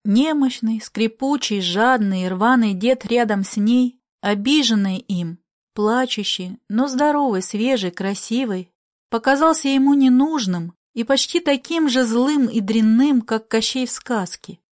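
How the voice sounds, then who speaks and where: A woman narrating a literary story in a measured, expressive reading style. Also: a little high.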